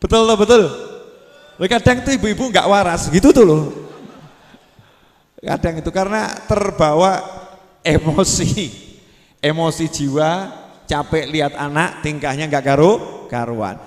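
A man's voice: a little high, unhurried, pauses often. A man preaching a sermon at a religious gathering, playfully quizzing his audience. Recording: echoey hall.

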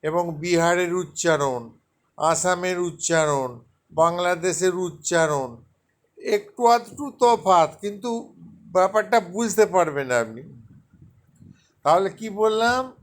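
A man teaching a language lesson, repeating each word slowly and deliberately for learners. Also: high-pitched, animated. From West Bengal. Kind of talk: slow spoken language lesson.

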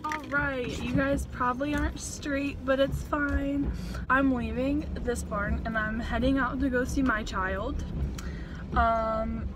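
Filming herself on an arm's-length phone, this young adult woman talks to her viewers in a relaxed vlog, laughing frequently. Her high voice has fairly even intonation and she speaks slowly. The setting is a horse barn, partly outdoors in rain, and barn noise is audible on the phone audio.

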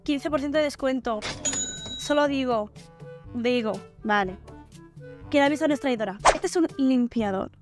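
Brief: young woman beauty vlogger, high bright voice, gushy and playful, faint music behind. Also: normal speed, pauses often. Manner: chatty and gushing, with playful slang. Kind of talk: casual product review vlog.

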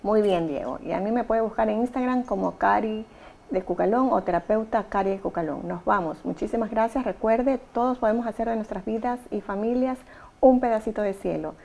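Gravelly-voiced woman host. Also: medium pitch, brisk, warm tone. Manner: emphatic, direct instructions to mothers. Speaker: talk show host and therapist. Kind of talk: advice talk show.

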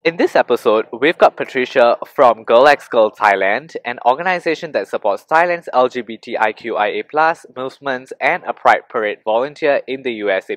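A man's voice: mid-range voice, fairly bright tone, no room sound. A man co-hosting a podcast who reads a prepared introduction to the episode in a news-like way. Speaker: podcast co-host.

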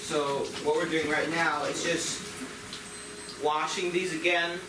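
A teenage boy, a homestead vlogger, casually explains step by step how to tap birch trees, filmed on camera both indoors and out in snowy woods. His voice is a little high, with a flat, slow delivery, and he restarts as he goes. Loud outdoor background noise runs through the recording.

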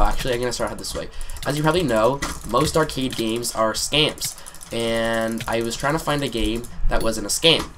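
Teen male gamer, rambling sarcastic storyteller with excited outbursts, typing faintly heard. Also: medium pitch, a little hiss or hum. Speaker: gaming commentator. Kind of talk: storytime commentary over gameplay. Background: keyboard clicks and typing.

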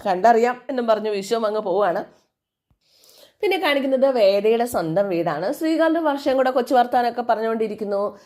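A woman's voice: fairly high pitch, darkish tone. A woman casually retelling a TV serial episode, voicing the characters' lines in her own voice. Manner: retells scenes and voices lines with little change of voice. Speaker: serial episode recap narrator. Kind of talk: casual storytelling recap.

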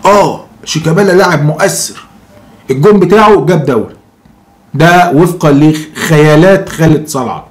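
Speaking at normal speed with a fairly high pitch, this Egyptian-accented man in his thirties is a football fan commentator and host. Addressing the camera, he offers opinionated takes in a mocking, sarcastic manner, leaning on rhetorical questions.

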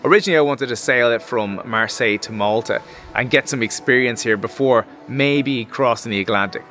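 An Irish man narrates a sailing vlog outdoors beside a stone wall, chatting casually and gesturing as he explains, with fillers like "like" and "you know." His mid-range voice is brisk and a bit bright, with faint music in the background.

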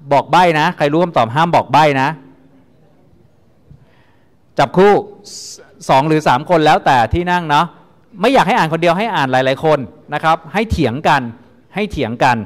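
A man teaching a university class, talking casually and repeating instructions to coax students into group work. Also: on the high side. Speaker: university lecturer. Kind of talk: classroom lecture. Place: lecture hall. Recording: reverberant lecture hall.

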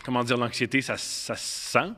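A man with a Quebec French accent in casual podcast chat, tossing in quick wry quips and sarcastic asides. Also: mid-range voice, little pitch movement, sharp tone. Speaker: podcast co-host. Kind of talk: casual chat, teasing interjections.

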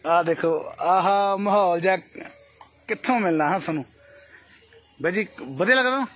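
Outdoors in a field, a vlogger with a high, bright voice chats casually at a moderate pace, filmed on a handheld camera. He teases the people he meets, keeping his talk light and full of jokes.

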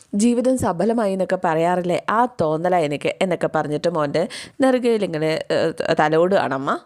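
Woman recapping a soap plot, chatty, bit low-pitched, does the lines herself. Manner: chatty, with tags like "you know" and playful voices for the characters. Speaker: narrator retelling a TV serial. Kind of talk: casual retelling of a serial's plot, acting out the dialogue.

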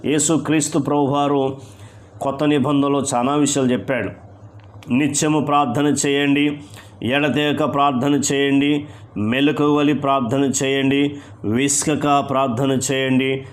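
A man preaching a sermon as a pastor, reading scripture slowly and stressing each point with repeated rhetorical questions and rhythmic lists. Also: medium pitch.

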